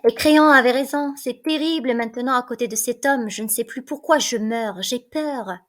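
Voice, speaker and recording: A doomed young woman speaks in a soft, tired murmur, voiced by a woman reading the play aloud. Her tone stays quiet and worn, in a plain read-aloud manner without staging. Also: on the high side, moderate pace, close to an everyday voice. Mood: frightened.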